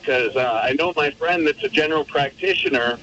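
A man from Vermont calling in to a radio show over a clipped phone line, asking his question in a hesitant, halting way. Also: fairly high pitch, sharp tone. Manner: hesitant, halting with many pauses. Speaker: radio call-in caller. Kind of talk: casual call-in question. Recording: muffled phone line, faint hiss.

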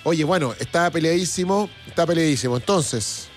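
A Chilean man with a fairly high-pitched voice, speaking at a moderate pace, hosts a live music show in a casual, chatty way. He often repeats phrases for emphasis and reads out comments.

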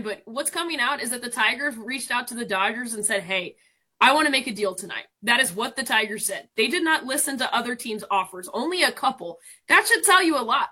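A woman's voice: fairly high pitch, bright, forceful tone. A woman in her twenties, a guest on sports radio, giving confident, emphatic baseball analysis and explaining things plainly. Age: 20s.

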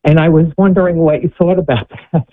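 Male caller, tinny phone line; polite, hesitant, slightly high. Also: fairly quick, dry recording. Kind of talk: call-in question.

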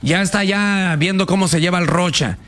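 Pushy radio host. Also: male voice, sits high, normal speed, a bit bright, faint music behind. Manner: pushy, argumentative, raises voice when challenging. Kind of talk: call-in radio talk.

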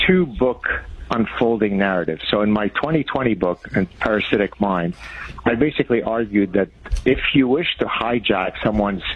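A man's voice: lowish voice, breathy edge, highs cut off. A man around sixty, from Lebanon, a guest author explaining his ideas in an articulate, professorial way. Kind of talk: radio interview.

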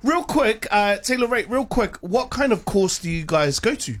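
A man's voice: high-pitched, animated, normal speed, fairly bright tone. A man with a New Zealand accent hosting a radio show in casual, slangy, upbeat chat. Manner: informal, slangy, addresses guests as mates. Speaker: radio host.

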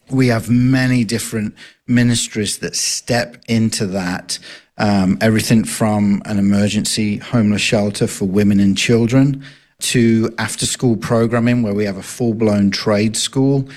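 In an earnest, casual radio interview, a man appearing as a ministry director guest talks with plenty of fillers and restarts. He has a noticeable non-local accent and a fairly low, slightly mellow voice.

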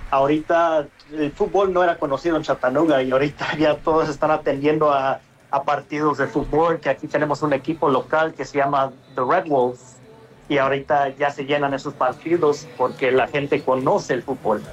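A man's voice: fairly high pitch, steady tone, moderate pace. A man from Mexico with a Mexican Spanish accent, a restaurant manager calling in to a radio show and answering in an easy, friendly way. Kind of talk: phone-in guest on radio. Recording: dull lo-fi phone line with faint noise.

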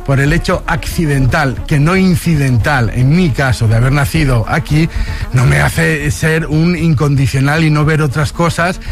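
A man's voice: on the high side, moderate pace, soft background music. A man on a radio panel, making an elaborate, mock-solemn case in a studio. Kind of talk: casual radio chat.

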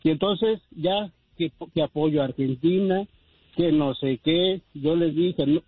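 A man's voice: fairly high pitch, a little slow, slightly rough, dry recording. A man calling in to a radio show, rambling as he defends himself. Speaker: caller. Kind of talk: phone-in chat. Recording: tinny phone line.

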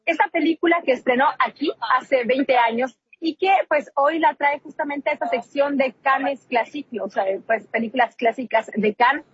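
A woman's voice: high-pitched, normal speed, few pauses, dull audio. A woman correspondent giving a live news report over a remote call line that sounds like a laptop speaker, chatty and full of fillers. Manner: chatty, many fillers and restarts.

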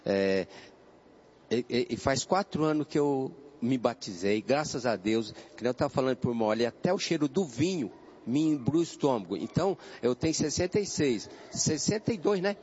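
An older man in his sixties tells his story of faith in a halting, repetitive way, often stopping to restart a word. His voice comes through a dull, lo-fi radio recording. A faint hiss sits behind him. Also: mid-range voice, expressive, a little mellow. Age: 60s. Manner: hesitant, repeats words, addresses listener as brother. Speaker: church testimony guest. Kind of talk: personal religious testimony.

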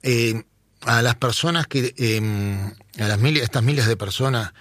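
A man's voice: medium pitch, a little slow, a bit bright, no echo. A man interviewing a guest, often affirming with short interjections. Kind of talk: interview questions.

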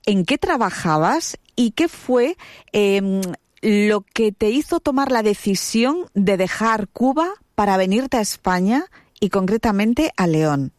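A woman's voice: medium pitch, expressive, slow, a little mellow, no echo. A woman from hosting an interview, introducing her guest and asking friendly, curious questions.

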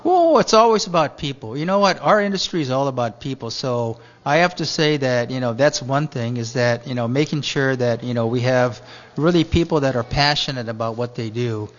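A man's voice: mid-range voice, lively intonation, fairly quick, muffled recording. A middle-aged man from Japan, a chef, answering radio interview questions in a rambling way full of fillers and restarts.

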